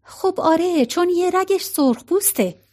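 A woman's voice: very high voice, expressive, a little mellow, pitched above the performer's own voice. A woman voicing an awkward, flustered teenage girl in a storybook.

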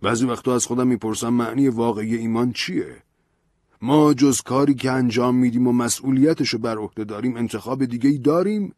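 A man's voice: medium pitch, darkish tone, dry recording, clean studio sound, pitched above the performer's own voice, close to an everyday voice. A man voicing a proud, embittered, grieving man who speaks in a bitter, defiant tone.

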